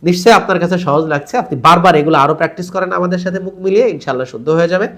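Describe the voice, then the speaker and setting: A man gives a spoken recitation lesson in a fairly high voice. He is earnest and patient, and he draws out the long vowels as he drills each syllable. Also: rapid-fire, a bit bright. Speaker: Quran recitation teacher.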